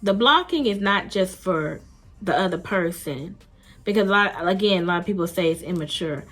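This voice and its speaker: A woman vlogger with a fairly low, slightly bright voice tells a dating story at a moderate pace, animated and unscripted. She is blunt and emphatic, speaking in a slangy, conversational way, while faint music plays behind her.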